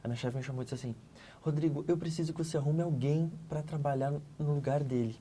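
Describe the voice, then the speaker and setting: A middle-aged man from Santa Catarina, Brazil, giving an interview as a guest and telling a personal story in a lively way, acting out the dialogue and swinging between loud and hushed. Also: on the high side, quick pace, a little hiss or hum. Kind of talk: animated personal testimony.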